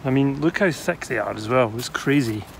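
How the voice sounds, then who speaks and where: A man's voice: mid-range voice, expressive, moderate pace, vocal fry, a little hiss or hum. Chatty Scottish man digging outdoors. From Scotland. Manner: chatty, enthusiastic, thinking aloud. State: out of breath at times. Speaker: bottle digger and vlogger. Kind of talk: casual commentary while digging. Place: outdoor dig site.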